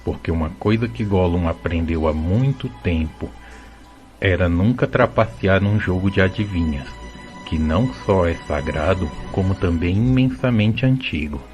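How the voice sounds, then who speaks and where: Soft music accompanies a man narrating a fantasy audio drama in storyteller fashion. He has a Brazilian accent and a fairly low voice.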